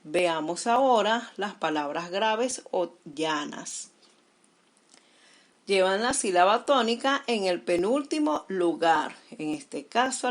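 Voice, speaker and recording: Woman, middle-aged, schoolteacher, recorded lesson, very slow, stresses syllables. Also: mid-range voice. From Venezuela. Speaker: teacher.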